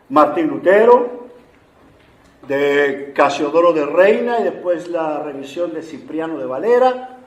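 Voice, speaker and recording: Male lecturer, fairly high voice, patient explanatory delivery, echoey room. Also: highs cut off. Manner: unhurried, explanatory, with frequent "eh" fillers. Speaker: Bible translation lecturer. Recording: roomy echo.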